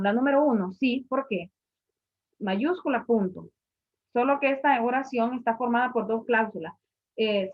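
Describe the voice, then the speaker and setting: A woman teaching an English grammar class, patiently explaining and repeating each point in a classroom. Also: fairly high pitch. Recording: muffled lo-fi recording.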